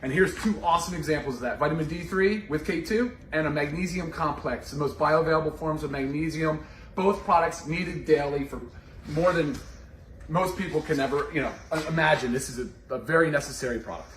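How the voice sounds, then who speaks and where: A man's voice: fairly high pitch, fairly quick, a bit bright. A man casually promoting products as their formulator, upbeat and emphatic in his praise. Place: indoor warehouse. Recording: echoey, noisy room, distant mic.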